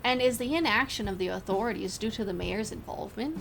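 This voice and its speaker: An eager young fox reporter on the scene, as a woman streamer puts him on, loud and formal in a news-anchor way. Close to her own pitch, with faint game music behind. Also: fast, gravelly. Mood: reporting. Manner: loud, formal broadcaster delivery.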